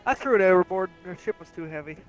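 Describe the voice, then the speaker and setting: A young player joking loudly and crudely with friends over voice chat while gaming. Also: medium pitch, lively intonation, fast talker, highs cut off, faint music behind. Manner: loud, joking, crude, hams it up. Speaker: gamer in voice chat. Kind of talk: casual gaming banter.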